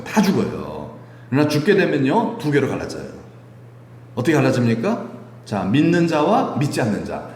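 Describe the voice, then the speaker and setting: Lively male pastor in echoey hall. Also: medium pitch. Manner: lively, teasing the congregation with questions and chuckles. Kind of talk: sermon. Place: church sanctuary. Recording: echoey church hall, faint ambience.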